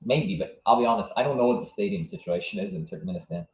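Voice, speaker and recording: Fast and animated yet a touch mellow, his fairly low voice carries a live match reaction. The young southwest Virginia stream host rambles, reasons aloud, and answers chat, with dull, echoey room acoustics around him.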